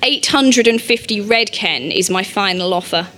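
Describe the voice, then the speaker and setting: A woman's voice: medium pitch, moderate pace, a bit bright, lightly acted. Lady doing a proud noble guy bidding, clipped and fierce, storybook. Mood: tense. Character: proud, tense nobleman bidder.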